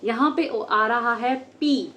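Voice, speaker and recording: A woman teaches phonics at home and stretches each letter sound slowly. Her voice sits a little high. Faint background noise runs under the recording. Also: a bit bright. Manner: slow, drawn-out sounding of letters. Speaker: homeschool teacher. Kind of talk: phonics lesson demo.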